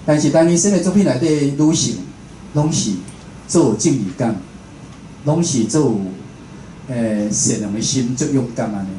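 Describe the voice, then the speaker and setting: The recording, made in an echoey indoor venue with clear background noise, captures a Taiwanese radio host addressing a live audience in an informal, conversational lecture. He speaks at normal speed in a warm, medium-pitched voice.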